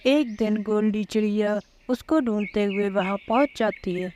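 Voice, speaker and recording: A woman's voice: mid-range voice, darkish tone, a little hiss or hum. Woman narrating a children's story.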